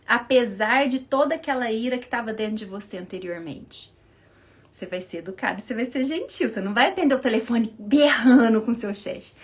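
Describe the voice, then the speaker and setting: A woman therapist hosting a live stream with a Brazilian Portuguese accent, explaining ideas in an animated way and often checking in with her listeners. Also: high voice. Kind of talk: casual live-stream talk. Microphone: live-stream setup, earring knocking the mic.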